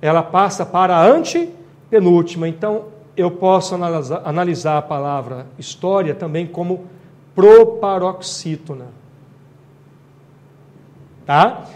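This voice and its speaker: High-voiced male teacher. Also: darkish tone. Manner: explanatory, checks in with tag questions. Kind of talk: exam-prep grammar lecture.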